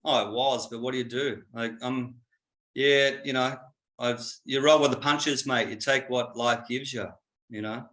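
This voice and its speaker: A man's voice: medium pitch, fairly even intonation, unhurried, fairly bright tone. A man with an Australian accent talking bluntly and casually as a guest on a video-call interview, with plenty of "mate" and "you know".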